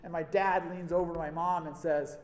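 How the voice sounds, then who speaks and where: A man delivers a sermon in a fairly high voice, telling stories and slipping in wry asides. His words ring out with the long reverb of a large hall. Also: steady tone, brisk. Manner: storytelling, wry asides, varied emphasis. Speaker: preacher. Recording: echoey hall.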